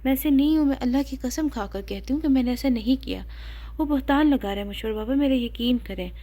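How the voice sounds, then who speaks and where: A woman's voice: fairly high pitch, warm tone, natural voice. A woman voicing a tearful young daughter who pleads her innocence, in an audio novel. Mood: pleading.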